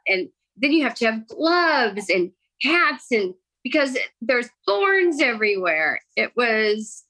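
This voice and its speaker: A woman, an actress, chatting as a podcast guest, telling stories in an animated, excited way. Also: on the high side, low-quality recording. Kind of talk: casual interview chat.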